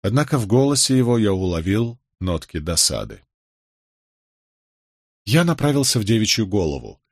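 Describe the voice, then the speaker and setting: A man narrating an audiobook in the first person, measured and even, on a close studio mic. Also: on the low side, no room sound.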